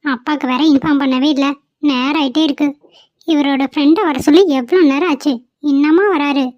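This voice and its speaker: A woman's voice: sits high, fairly even intonation, a little fast, darkish tone, no echo, dull audio, lightly acted. A woman voicing a worried young student who murmurs to herself, in a cartoon. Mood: fretful. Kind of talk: cartoon voice acting.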